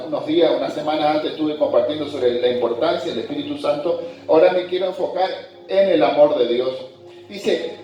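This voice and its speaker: A man with a high, light voice preaches a sermon, talking conversationally and reading scripture slowly. He sounds far from the microphone in a very echoey church hall, with dull, muffled sound. Faint music plays behind him. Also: a little mellow. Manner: conversational, asks the congregation if they follow; reads scripture aloud slowly.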